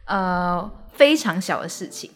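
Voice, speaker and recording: A woman's voice: lowish voice, expressive, a bit bright. Laughing, self-mocking young woman. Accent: Taiwanese Mandarin. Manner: self-mocking, laughs often, quick bursts. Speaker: podcast co-host. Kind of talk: casual chat.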